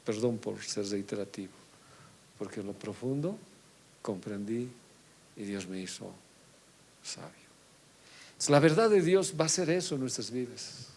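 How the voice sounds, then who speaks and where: A middle-aged man preaching a confessional, emotional sermon that swings from loud to hushed. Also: on the low side, expressive, a little slow, long pauses, breathy edge.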